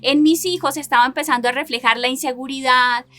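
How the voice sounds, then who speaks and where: A woman's voice: sits high, steady tone, brisk, bright, forceful tone. A woman preaching a sermon and sharing a personal testimony, earnestly putting rhetorical questions to her listeners and building her points in repeated lists.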